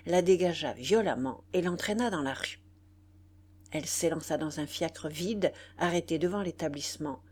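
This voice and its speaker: A woman narrating a literary novel as an audiobook, in a measured, expressive reading. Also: fairly low pitch. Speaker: audiobook reader.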